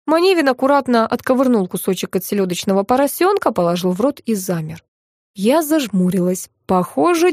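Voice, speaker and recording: A woman reads a comic novel aloud in a wry, lively first-person voice set a touch high. The sound is close-miked and dry. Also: no room sound. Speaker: audiobook reader. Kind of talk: scripted narration of a comic novel.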